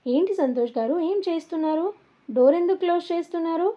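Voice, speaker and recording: A woman's voice: very high voice, fast, mellow, pitched above the performer's own voice. A woman voicing a frightened but firm young married woman who speaks sharply and seriously with a raised voice. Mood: alarmed. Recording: dull lo-fi recording.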